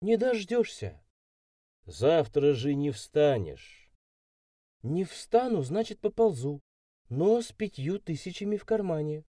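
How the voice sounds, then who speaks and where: A man voicing a young blonde city girl who takes everything literally, in a high girlish voice for an audiobook. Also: big pitch swings, takes it slowly, warm tone, dry recording, studio quality, full character voice. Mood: stubborn. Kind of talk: audiobook reading.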